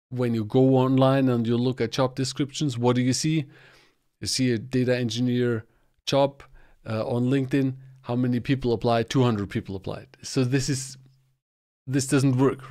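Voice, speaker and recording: A man's voice: mid-range voice, darkish tone. Man in his forties hosting a solo podcast. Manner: explanatory, talks with his hands. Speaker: podcast host. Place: small home studio indoors. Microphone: podcast mic on boom arm, close.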